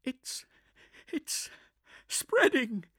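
A man voicing a sharp, anxious young female inquisitor with a strained, breathy voice and quick, insistent questions. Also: high-pitched, big pitch swings, dry recording, studio quality, voice pushed up, heavily acted. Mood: panicked.

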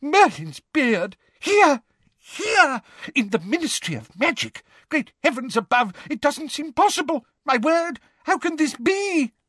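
Man putting on a flustered bumbling official, high squeaky pitch, stammering, panicky, dry close sound. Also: expressive, extremely slow, pauses often, no room sound, exaggerated voice. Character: flustered bumbling male minister in pyjamas.

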